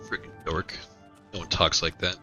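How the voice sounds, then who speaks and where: A man's voice: sits low, level tone, normal speed, bright, forceful tone. A man streaming a video game, tossing out sarcastic, joking asides as he plays. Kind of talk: casual gameplay commentary. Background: game music.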